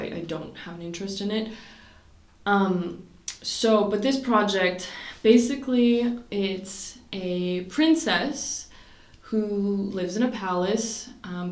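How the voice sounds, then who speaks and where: A young Canadian woman vlogger chats casually to the camera about her projects, rambling along with lots of fillers and restarts. Her voice sits on the low side with a darkish tone. The mic is at a distance, giving the recording a roomy sound.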